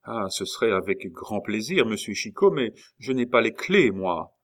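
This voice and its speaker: A man voicing a courteous, plain-spoken male sentry in an audiobook, speaking higher and louder than his narration. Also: big pitch swings, moderate pace. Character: polite simple male sentry soldier. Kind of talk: audiobook character reading.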